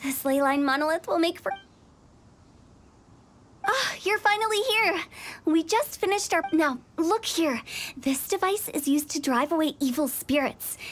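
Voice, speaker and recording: A woman's voice: high-pitched, animated, measured pace, slight background noise. A woman voicing a playful, quirky young funeral director in a video game, with the teasing glee of a prank reveal. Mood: confident, explaining.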